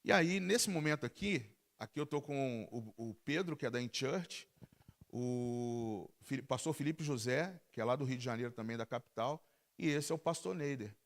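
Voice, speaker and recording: A male pastor with a Brazilian Portuguese accent, telling a testimony as a story during a church sermon, with animated, halting restarts. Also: mid-range voice. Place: church service.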